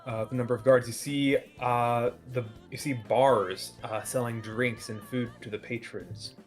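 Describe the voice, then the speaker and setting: Man, game master, relaxed descriptive narration, frequent ums, faint music behind. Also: mid-range voice, a little slow.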